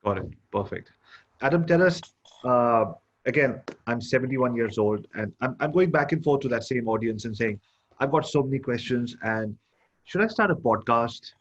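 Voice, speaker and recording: Male interviewer, mid-pitch, long scenario-style questions, dull lo-fi audio. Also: lively intonation, normal speed. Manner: asks long questions built on imagined scenarios. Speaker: interview host. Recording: dull lo-fi sound.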